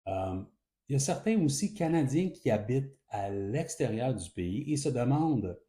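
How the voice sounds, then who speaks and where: A man with a Quebec French accent calmly explaining rules step by step, as an advisor talking to viewers. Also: mid-range voice, normal speed. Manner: calm, methodical explaining. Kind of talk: explanatory talk to camera.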